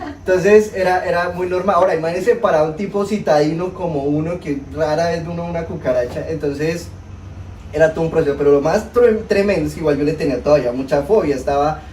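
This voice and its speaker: A young man with a Colombian Spanish accent preaching a sermon, telling a personal story in an animated, self-mocking way to a congregation. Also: a little high, fast talker, slight background noise. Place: church hall. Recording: echoey hall, mic at a distance.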